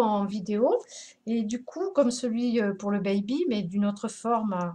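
A woman's voice: a little high, a little mellow. A woman hosting a craft live stream, chatting casually, greeting viewers by name with many hesitations.

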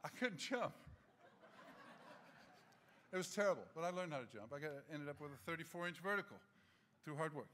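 A man in his sixties giving an animated, humorous acceptance speech from a podium microphone in a large auditorium. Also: on the high side, brisk, long pauses, a little hiss or hum. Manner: animated, gesturing, humorous anecdotes.

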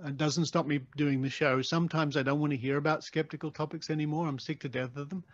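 A man's voice: on the high side, fairly even intonation, fast talker. A man with an Australian accent hosting a podcast, chatting casually and animatedly, laughing easily. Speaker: podcast host. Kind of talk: casual interview chat. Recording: dry, slightly dull sound.

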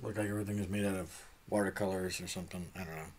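A man's voice: sits low, steady tone, rapid-fire, noisy background. A man casually unboxing comics, rambling, trailing off and swearing offhandedly. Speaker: comic unboxing channel host.

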